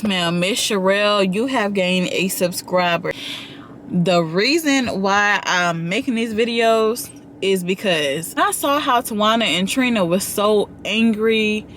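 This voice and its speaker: A woman giving casual, animated reaction commentary, talking straight to her viewers with slang and asides. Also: mid-range voice, slight background noise. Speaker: commentary vlogger.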